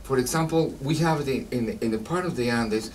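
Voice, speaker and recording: A man from Peru, a guest musician in a radio interview, speaking halting English with many pauses and fillers. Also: mid-range voice, recorded from a distance, slight background noise. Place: children's museum radio studio.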